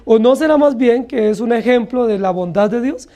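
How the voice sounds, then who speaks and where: A pastor with a Colombian Spanish accent preaches an expository sermon, earnestly firing rhetorical questions at the congregation one after another. His voice is very high-pitched and warm, at a moderate pace.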